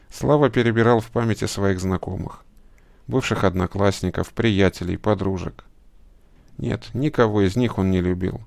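A man reading a dark story aloud in measured scripted narration. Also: lowish voice, gravelly, no room sound. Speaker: audiobook narrator.

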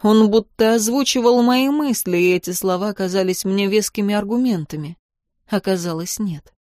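A woman reads a first-person audiobook in a calm, measured, expressive voice of middle pitch. The recording is dry and close, with no room around it. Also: dry recording. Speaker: audiobook narrator.

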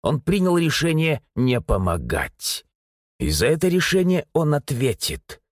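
Husky male audiobook narrator. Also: a little high, big pitch swings, unhurried, dry recording, clean studio sound. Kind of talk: scripted narration.

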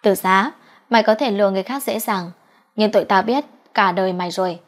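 A woman reading the lines of a calm, knowing male friend around thirty in an audiobook, needling in a dry, level way. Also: medium pitch, a little fast, close to an everyday voice.

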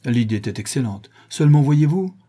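A man reading aloud and voicing a curt, imperious English detective who scolds with sharp questions. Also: mid-range voice, animated, a little fast, breathy edge, voice pushed up. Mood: worried.

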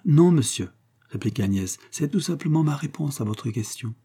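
A man reading as a playful young heroine in an audiobook, dark husky voice nudged higher, teasing and quick to laugh. The sound is mellow and warm rather than bright. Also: lively intonation.

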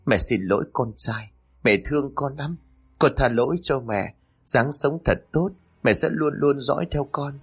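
A man voicing a heartbroken young mother who speaks in soft, weak, hushed tones in a spoken story. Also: on the low side, animated, normal speed. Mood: tender.

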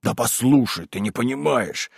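A man voicing a boisterous, rude male landowner who shouts and bullies in an audiobook reading. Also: medium pitch, lively intonation, moderate pace, vocal fry, husky, dry recording, studio quality. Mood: blustering. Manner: shouting, blustering, pushy.

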